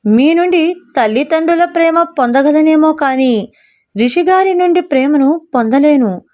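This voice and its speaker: A woman's voice: high-pitched, a little slow, darkish tone. A woman voicing a heartbroken, self-sacrificing young woman who pleads emotionally in a storybook reading. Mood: pleading.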